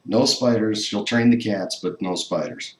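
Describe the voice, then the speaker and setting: A man's voice: fairly low pitch, a little slow. A man hosting an interview, asking wry, teasing questions in a casual way. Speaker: interviewer host. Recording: echoey room with faint noise.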